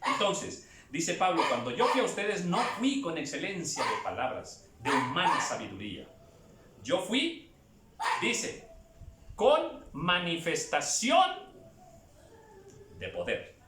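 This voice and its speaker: A man preaching a sermon, moving between hushed and loud passages and acting out other voices. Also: a little high, big pitch swings, unhurried, reverberant, background noise. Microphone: camera at a distance.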